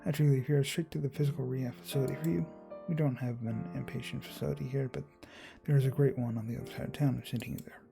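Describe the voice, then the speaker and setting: A man's voice: mid-range voice, steady tone, fast, vocal fry, over music, close to an everyday voice. A man voicing a self-important male doctor who talks in a curt, lecturing way. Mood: brisk.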